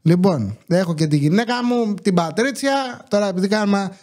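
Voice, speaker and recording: A man's voice: high voice, animated, a little mellow. A talkative young man telling his own story in a casual monologue, mocking himself and acting out what he said back then. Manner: acts out his own past lines in quotes, self-mocking. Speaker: YouTuber, channel host. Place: indoor room with his wife nearby.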